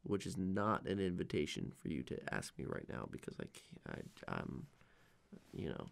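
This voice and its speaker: Young male podcast co-host, low voice, joking and loose. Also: moderate pace, gravelly. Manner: jokey, animated, swings loud and quiet. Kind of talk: casual chat.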